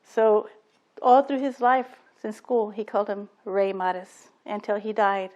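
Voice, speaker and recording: A woman giving a personal testimony about her late father, in an earnest, halting storytelling manner. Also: medium pitch, darkish tone. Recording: dull lo-fi sound.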